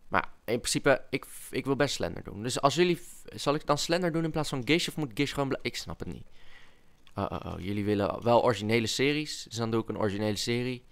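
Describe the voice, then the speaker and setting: Excitable young man playing a game. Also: mid-range voice, fast talker, smooth. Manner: excitable, chatty, whispers and coaxes to game animals. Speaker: gaming YouTuber. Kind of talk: casual Let's Play commentary.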